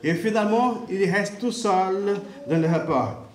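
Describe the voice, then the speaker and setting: A man preaching a storytelling sermon at an unhurried pace, his fairly high voice ringing through an echoey church hall. He repeats words for dramatic weight. A faint hiss lies under the recording. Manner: dramatic, repetitive, voices the characters.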